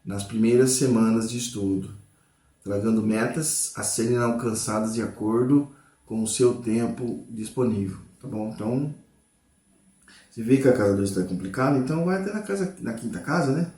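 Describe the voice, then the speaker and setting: This casual guitar lesson comes from a man with a warm, medium-pitched voice speaking at normal speed in a roomy space. Playing as he goes, he calls out the notes, explains things patiently, and keeps asking the viewer "tá?" and "né?"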